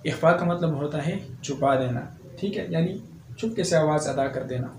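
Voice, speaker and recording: A man's voice: a little high, darkish tone. Patient male Quran teacher, echoey room. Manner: patient, explains slowly, often checks with "thik hai". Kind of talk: tajweed lesson. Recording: echoey room, faint ambient noise.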